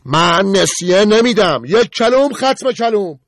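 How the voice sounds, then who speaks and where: A man doing a shouting, scornful drug dealer. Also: high voice, sing-song, no echo, clean studio sound, pitched above the performer's own voice, heavily acted. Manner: yelling, scornful and stubborn. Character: shouting greedy middle-aged male drug dealer.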